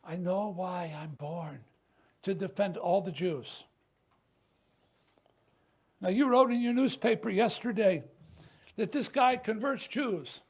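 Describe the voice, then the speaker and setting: A man speaking at a news conference in an impassioned testimony style, emphatic, falling to a hush on painful memories and rising on defiant points. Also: high voice, slow, pauses often, breathy edge. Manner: occasional stumbles and restarts.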